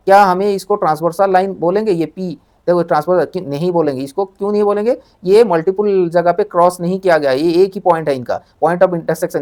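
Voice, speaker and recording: A man's voice: sits high, a little mellow. A man teaches a maths lesson in an explanatory voice. He repeats key terms and keeps asking rhetorical questions to check that students understand. He mixes English technical terms into his explanations.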